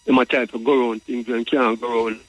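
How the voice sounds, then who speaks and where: A man's voice: medium pitch, flat delivery, fast. A Jamaican man calling in to a talk show, speaking in Rasta speech and reasoning, often repeating and circling back over his phrases. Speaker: radio call-in guest.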